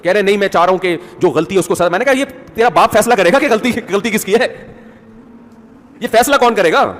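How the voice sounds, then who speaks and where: A man's voice: sits high, a bit bright, in a large hall. A man preaching a sermon in a conversational manner, with humor and rhetorical questions. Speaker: Islamic preacher.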